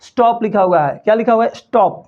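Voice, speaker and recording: A man's voice: high voice, fairly quick. A man teaching a spelling lesson, who keeps asking his own questions and answering them. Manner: repeats key points as questions and answers them himself. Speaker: English teacher. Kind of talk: spoken lesson explaining spelling rules. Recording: dull lo-fi sound.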